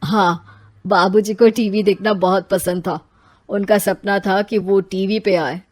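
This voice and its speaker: A woman voicing a soft-spoken wistful son. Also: mid-range voice, fairly even intonation, unhurried, close to an everyday voice. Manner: soft, reflective. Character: wistful grown son remembering his father.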